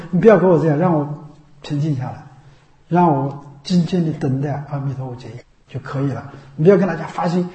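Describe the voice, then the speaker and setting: A man's voice: sits high, dark tone, echoey room. A man, a Buddhist monk, giving a conversational dharma talk to lay followers, asking rhetorical questions and acting out what people say. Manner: conversational, rhetorical questions, acts out quoted speech.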